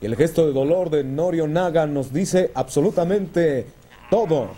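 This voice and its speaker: A man's voice: fairly high pitch, measured pace, mellow, husky. A man with a Mexican accent commentating wrestling play-by-play as a lucha libre announcer, solemn and descriptive.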